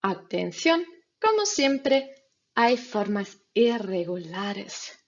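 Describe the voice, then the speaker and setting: A woman teacher speaks slowly and patiently, giving students step-by-step instructions in a recorded grammar lesson. Her voice is a little breathy and husky. The recording sounds somewhat dull and lo-fi. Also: mid-range voice, sing-song. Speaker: Spanish teacher.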